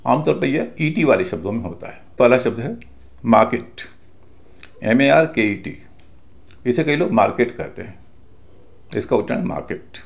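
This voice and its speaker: A male teacher giving a pronunciation lesson, speaking slowly and deliberately and spelling out words letter by letter. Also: medium pitch, expressive, vocal fry.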